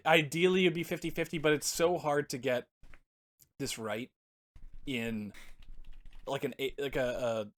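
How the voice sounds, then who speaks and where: A man's voice: mid-range voice, fairly even intonation, unhurried, pauses often. A man in casual podcast chat, his thoughts wandering as he loses and finds the word he wants. He laughs easily between points. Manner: rambling, laughs often, searches for words. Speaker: podcast co-host. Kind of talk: casual chat about card games.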